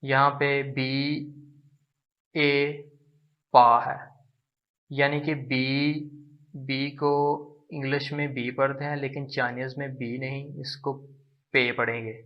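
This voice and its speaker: A man teaching a language lesson, explaining slowly and patiently and repeating syllables to demonstrate them. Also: medium pitch, flat delivery, dull audio. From Pakistan.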